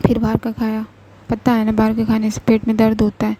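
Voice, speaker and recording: A woman doing a gently firm middle-aged mother. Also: on the high side, monotone, fairly quick, lightly acted. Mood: coaxing. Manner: soothing, coaxing.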